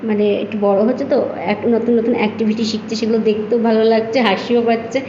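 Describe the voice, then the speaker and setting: A woman's voice: a little high, fairly even intonation, racing, warm tone, a little hiss or hum. A tired young woman, a new mother, chatting casually and rambling to her viewers in a home vlog filmed on a phone. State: tired from lack of sleep. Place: room at home. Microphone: phone camera. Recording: muffled, echoey room recording.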